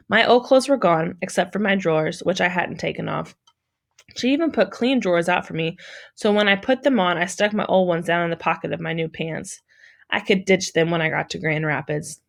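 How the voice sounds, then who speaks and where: Female reader for a children's novel, steady storytelling. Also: on the low side, gravelly. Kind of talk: audiobook reading of a children's novel.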